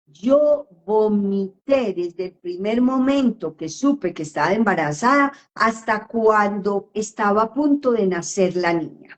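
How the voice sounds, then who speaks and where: A woman therapist answering questions in a live online session, speaking slowly and emphatically and often checking in with her listener. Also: medium pitch, highs cut off. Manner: slow, emphatic, with frequent question tags.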